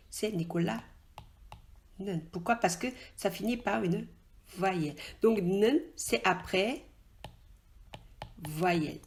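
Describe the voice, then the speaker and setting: A woman teaches in a relaxed, chatty way, talking straight to the learner and checking often that they follow. She speaks at a middle pitch, with frequent small hesitations as she explains at the board. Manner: chatty and informal, addresses the learner directly, frequent "tu vois?" and hesitations. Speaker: Korean language teacher. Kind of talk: casual spoken lesson, explaining at a whiteboard.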